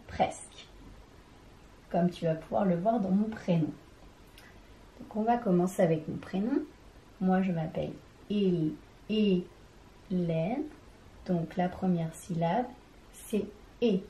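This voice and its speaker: A woman teaches a children's reading lesson, talking straight to the child and sounding out each syllable. Her voice is warm and mellow, and her pace is very unhurried. The room has a noticeable echo. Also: medium pitch, a little hiss or hum. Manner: slow, careful, syllable by syllable; addresses the child directly.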